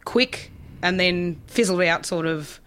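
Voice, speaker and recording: A woman's voice: fairly low pitch, slow pace. A woman, a musician guest chatting casually in a radio interview. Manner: chatty, animated, laughs easily.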